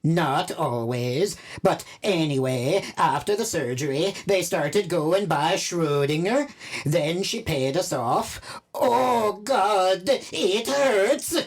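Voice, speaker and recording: A woman's voice: deep voice, animated, slow pace, slightly rough, full character voice. A woman playing an exasperated shop worker with a gangster side in a comedic noir audio drama, put-upon and dramatic. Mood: reluctant explaining. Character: exasperated furniture store worker, secretly a Swedish gangster.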